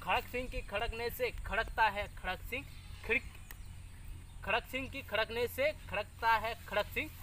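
Bright-voiced young man vlogging outdoors. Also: very high voice, normal speed, a little hiss or hum. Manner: chatty, teasing, repeats tongue twisters. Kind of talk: casual village vlog hosting. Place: outdoors in a village.

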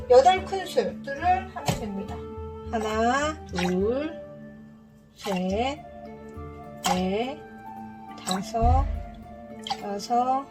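High-voiced woman narrating a cooking vlog. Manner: polite, chatty, addresses viewers directly. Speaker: cooking vlogger. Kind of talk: casual step-by-step cooking narration.

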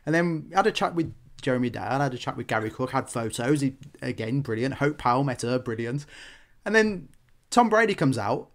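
A man's voice: expressive, brisk. A man co-hosting a casual podcast chat, telling anecdotes with laughs. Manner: chatty storyteller, laughs, puts on squeaky voices when quoting. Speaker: podcast co-host.

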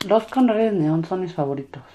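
Woman, fairly low mellow voice, relaxed craft narration, soft-spoken, casual. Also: normal speed, soft background music. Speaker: host of a children's slime and makeup channel. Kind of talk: casual hands-on demonstration narration.

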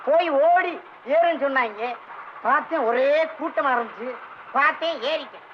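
A man's voice: extremely high pitch, lively intonation, normal speed. An actor playing a simple-minded village man without a ticket who rambles in a plain, bewildered way, heard on a dull old film soundtrack with hiss.

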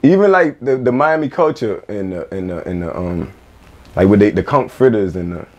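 A young Bahamian man talking in a casual interview in a small music studio, relaxed and loose, full of fillers and repeated words. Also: lowish voice, moderate pace, highs cut off. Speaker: guest, record label owner.

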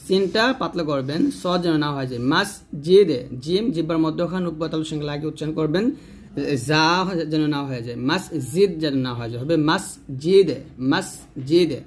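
A man with a slightly raised pitch teaches recitation in a patient classroom manner. He spells out letters and vowel marks one syllable at a time, stretching the sounds. He repeats his cautions about pronunciation again and again. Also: slight background noise. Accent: Bangladeshi Bengali. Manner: slow, drawn-out syllable-by-syllable recitation with repeated warnings. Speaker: Quran reading teacher. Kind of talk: slow instructional spelling-out of letters.

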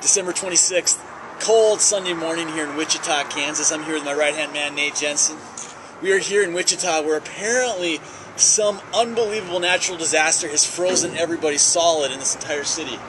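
A man's voice: on the high side, fairly quick. A young man in his twenties hosting a road-trip vlog in a jokey mock-anchor style, filmed outdoors on a handheld camera. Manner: jokey, mock-formal sign-offs. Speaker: vlog host. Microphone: handheld camera mic. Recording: outdoor camera audio with wind noise.

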